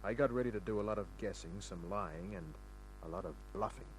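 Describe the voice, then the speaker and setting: Man playing Larry Kent, low-voiced needling private eye. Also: brisk, lightly acted. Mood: tense narration. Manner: wry, taunting tough talk. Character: cool, needling, hard-boiled male private detective. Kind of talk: old-time radio crime drama acting with first-person narration. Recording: noisy, humming old radio recording.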